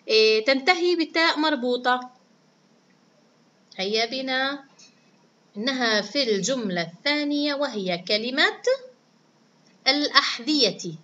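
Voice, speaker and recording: Woman teacher, encouraging, slow syllable drills, higher voice, dull lo-fi recording. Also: bright, forceful tone. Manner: encouraging, praises often, stretches words out syllable by syllable. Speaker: primary school teacher. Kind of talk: reading lesson for children.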